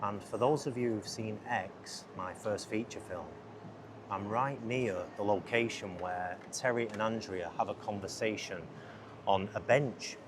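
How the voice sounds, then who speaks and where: This filmmaker and podcast host has a fairly low voice and a measured pace. Out on a bustling city riverside, he talks casually, drifts easily, and breaks off his own sentences. Loud surroundings are picked up by his lapel mic.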